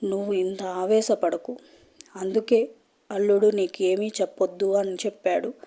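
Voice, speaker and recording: A gentle older mother, put on by a woman storyteller, coaxing and soothing in a steady, level tone. Her voice is soft and mellow, and her worry sits under every word. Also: medium pitch, unhurried.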